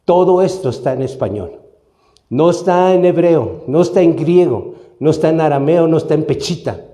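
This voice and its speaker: A man from Mexico preaching as pastor, with a somewhat high but warm, mellow voice. He teaches steadily and keeps checking with his listeners through short questions. The sound carries the echo of a church room. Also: expressive, moderate pace. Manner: teaching, asks the congregation questions. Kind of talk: sermon. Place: church hall.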